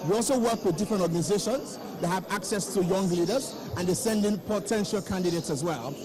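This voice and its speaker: A Nigerian-accented man with a high voice gives explanatory interview answers. His phrasing is hesitant and filler-laden, and a crowd is clearly audible behind him. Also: fast, low-quality recording. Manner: hesitant, peppered with "you know". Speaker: event co-founder, interviewee. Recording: crowd noise at live event.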